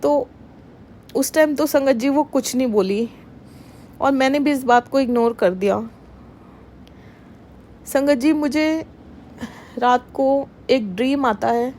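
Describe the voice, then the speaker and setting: Slow, emotional devotional woman speaker. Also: high voice, darkish tone, a little hiss or hum. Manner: emotional, earnest, addresses listeners as sangat ji. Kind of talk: devotional testimony to followers.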